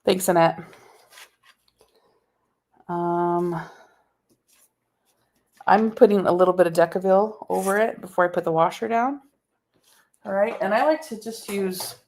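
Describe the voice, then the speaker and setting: A woman's voice: on the low side, unhurried, pauses often, a little mellow, slight background noise. A woman hosting a live sewing tutorial, chatting casually and answering viewer comments as she works, recorded on a laptop microphone in a home sewing room. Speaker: sewing instructor.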